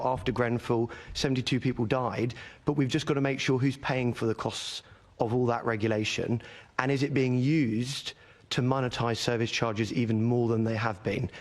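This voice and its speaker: A man testifying before a committee as a leaseholder campaigner. He argues his points earnestly, in a mid-range voice, and often repeats a word to hammer it home. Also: mid-range voice. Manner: earnest, argumentative, repeats words for emphasis. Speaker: leaseholder campaigner giving evidence.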